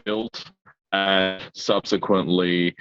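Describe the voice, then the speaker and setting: A man's voice: sits low, little pitch movement, drawn-out words, a bit bright, clean tone, muffled recording. A man speaking on a video call whose audio breaks up and drops out, hesitant with many fillers. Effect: call audio breaking up and dropping out. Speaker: technology provider answering member questions. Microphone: computer or phone mic on a video call.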